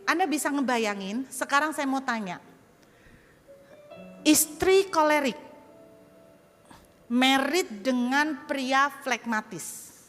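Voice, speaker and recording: A middle-aged woman pastor, preaching and acting out personality types with lively voices. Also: high-pitched. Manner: animated, acts out temperaments with quick voices and laughs. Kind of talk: sermon. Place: large church hall. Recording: echoey church hall with soft music.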